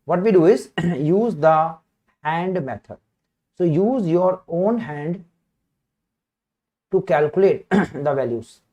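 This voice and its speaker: A man with a north Indian accent giving an informal live online medical lecture, repeating phrases, checking in with students and often clearing his throat. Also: fairly high pitch, expressive, slow, pauses often, dark tone, highs cut off. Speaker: medical teacher.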